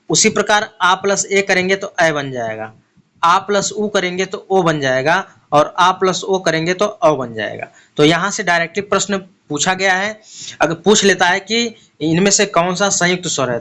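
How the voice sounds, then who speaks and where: A man teaching an exam-prep grammar lesson, explaining step by step and asking and answering his own questions, slowly spelling out letters one at a time. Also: high voice, bright, forceful tone. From India.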